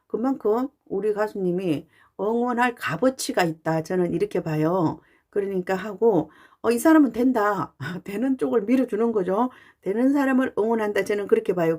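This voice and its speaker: A woman fan channel YouTuber talking casually and earnestly to her viewers, pausing often with "uh". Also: mid-range voice, darkish tone. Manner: chatty and earnest, with frequent "uh" pauses. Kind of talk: casual talking-head monologue.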